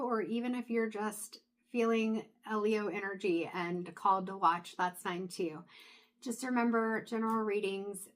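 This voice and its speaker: Hoarse and thinning, the mid-pitched voice of a tarot reader carries a laid-back, intuitive reading to camera. She thinks aloud, restarting sentences and using fillers, and pauses at times to clear her throat.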